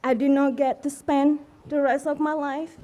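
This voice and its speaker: A woman's voice: high-pitched, little pitch movement, moderate pace, dark tone, lo-fi sound. A woman speaking as a widow at a memorial, heartfelt, earnest and tender, addressing a room full of mourners. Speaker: widow giving a eulogy. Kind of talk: memorial speech.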